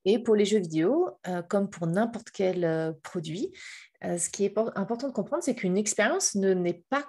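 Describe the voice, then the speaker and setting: A woman's voice: medium pitch, animated, normal speed, darkish tone, slightly rough. A middle-aged woman from Paris giving a public talk over a video call from a hotel room, hesitant and full of fillers and restarts. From Paris, France. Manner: hesitant, many fillers and restarts, light laughs. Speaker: guest speaker on game user experience.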